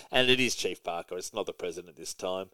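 A man hosting a casual comics podcast, talking in an animated way with frequent fillers and some swearing. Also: sits low, a little fast, no room sound. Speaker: podcast host.

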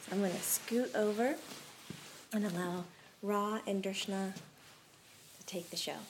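A woman hosting a live-streamed talk show, bubbly and excitable as she welcomes viewers and runs through announcements. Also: medium pitch, slow pace, a little hiss or hum. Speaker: host. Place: studio room.

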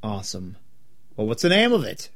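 A man's voice: lowish voice, wildly swooping pitch, normal speed, fairly bright tone. A man co-hosting a movie podcast, bantering casually, joking, laughing easily and arguing small points. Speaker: podcast co-host. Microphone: headphones at a podcast mic.

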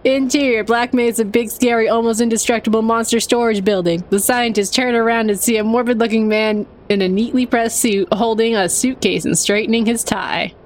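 A woman's voice: a little high, fairly even intonation, a little fast, hardly any pauses. A woman reading a comic story aloud as its dramatic narrator.

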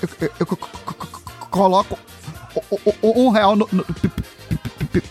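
A Brazilian man putting on a heavy stammer, rapidly repeating syllables and blurting out swear words, over a video call. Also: sits high, fairly even intonation, close to an everyday voice. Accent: Brazilian Portuguese. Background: background music.

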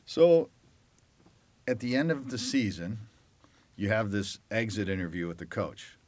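A man's voice: lowish voice, unhurried. A man from Detroit, a former college lacrosse player, telling his story as an interview guest and acting out what others said. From Detroit, Michigan. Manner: animated storyteller who acts out quoted voices. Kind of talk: conversational storytelling.

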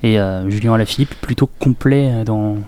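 A man co-hosting a casual sports chat on student radio. He speaks haltingly, often restarting his sentences, and makes jokes about himself. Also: on the low side, mellow, a little hiss or hum. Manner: hesitant, many fillers and restarts, joking. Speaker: radio co-host. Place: radio studio.

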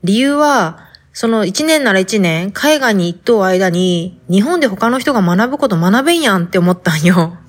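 A woman's voice: mid-range voice, expressive, moderate pace. A woman podcast host speaking in Hakata dialect, telling her story in a chatty, informal way. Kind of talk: casual podcast monologue.

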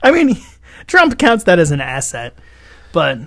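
A man co-hosting a podcast in casual chat, telling rambling, animated stories and laughing often. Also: sits high, a little slow, gravelly, no room sound, clean studio sound. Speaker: podcast co-host.

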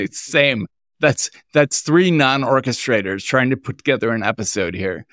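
A man hosting a podcast in casual chat, upbeat and quick to laugh. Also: mid-range voice, a bit bright, dry recording, clean studio sound. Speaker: podcast host.

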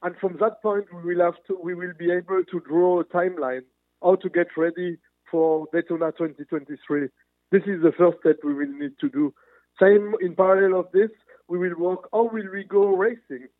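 Guest executive, male, earnest and searching for words, higher voice, dry tinny remote line. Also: fairly even intonation, normal speed, no room sound. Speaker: motorsport manufacturer executive guest. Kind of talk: remote interview answers.

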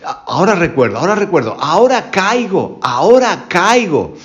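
A man's voice: high-pitched, very animated, normal speed, fairly bright tone, slightly rough, muffled recording. A man from Spain with a Spain Spanish accent, a Spanish teacher hosting a casual podcast lesson at home, chatty and repeating his phrases. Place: home room with windows.

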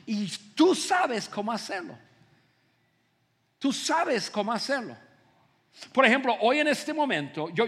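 A man preaching a sermon in an auditorium, animated and acting out little scenes, often repeating words as he stumbles. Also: on the high side. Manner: animated, acts out scenes, frequent stammered repeats. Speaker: pastor. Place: large auditorium. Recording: reverberant hall.

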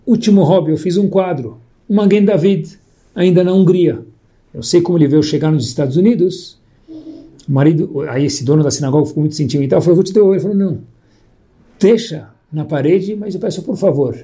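Mellow-voiced man telling a story. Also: fairly high pitch. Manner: lively storyteller, voicing characters in quotes. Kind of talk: storytelling sermon.

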